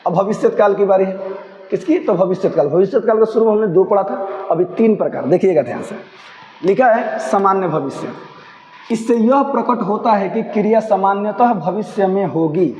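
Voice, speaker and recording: A man teaching grammar, his voice high and playful. He often answers his own questions. The sound is roomy with a long reverb and a dull, lo-fi edge. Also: moderate pace, darkish tone, a little hiss or hum. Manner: playful, asks himself questions in a higher voice. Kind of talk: grammar lesson for students. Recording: echoey room, dull lo-fi sound.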